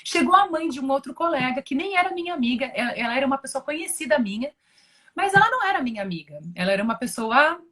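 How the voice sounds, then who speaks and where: A woman's voice: high-pitched, lively intonation, fast talker, sharp tone. A Brazilian woman giving an earnest, emotional personal testimony in conversation, often restarting and repeating words as she talks. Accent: Brazilian Portuguese. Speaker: guest giving a religious testimony.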